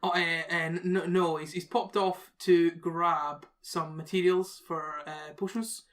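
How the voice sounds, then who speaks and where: A woman's voice: fairly low pitch, level tone, a little slow, natural voice. A woman voicing a young male dwarf apprentice who is flustered and stammers.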